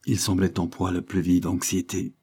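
A man narrating a novel as an audiobook in a measured, even storytelling manner. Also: low voice, slightly rough. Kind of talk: scripted narration.

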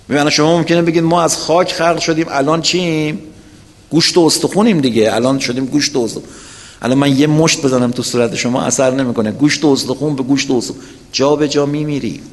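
This preacher's slightly high voice trails off into a long reverb tail. At his weekly religious gathering he tells a story and puts rhetorical questions directly to the audience.

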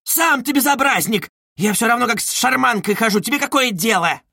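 Guy reading a book, putting on a frantic proud widow, shrieky high voice, wailing and scolding. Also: animated, moderate pace, fairly bright tone, slightly rough, no room sound, studio quality, full character voice. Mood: shrill outrage. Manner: shrill, wailing, haughty. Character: frantic, proud widow, middle-aged woman.

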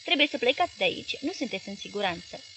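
A woman voicing a lively, clever young male journalist who reports events in a brisk, animated way. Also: on the high side, a little hiss or hum, exaggerated voice.

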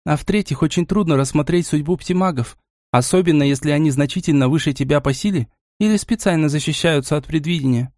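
A male narrator voicing a calm, gentle young princess who can see the future, speaking in a soft, mentoring tone. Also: a little high, fast, dry recording, studio quality, close to an everyday voice.

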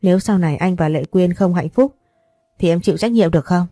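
A woman's voice: lowish voice, brisk, dark tone, soft background music, close to an everyday voice. A woman voicing a jealous, possessive wealthy older man who scolds and pleads.

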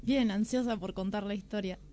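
A woman's voice: mid-range voice, fairly quick. A woman narrating a children's folk tale on the radio, telling it expressively from a studio. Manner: expressive, animated. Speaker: storyteller. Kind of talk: storybook narration.

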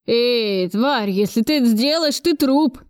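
A woman reading an audiobook, voicing a furious, gruff middle-aged male factory director who curses and shouts. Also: medium pitch, a little fast, dry recording, clean studio sound, lightly acted.

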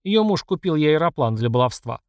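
A man's voice: fairly high pitch, very animated, brisk, dry recording. Brief: male narrator playing a prim, indignant adjutant in an audiobook, dry sound. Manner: overly polite, insistent. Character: stiff, scandalized male adjutant.

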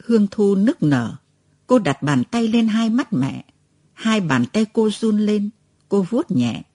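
A woman who reads a story aloud in a tender, expressive manner. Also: mid-range voice, slow pace, slightly rough, dry recording, studio quality. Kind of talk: storybook narration.

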